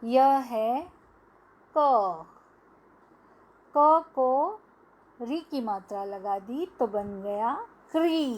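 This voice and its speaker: A woman teacher giving a language lesson to young children, stretching out each syllable. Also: high-pitched.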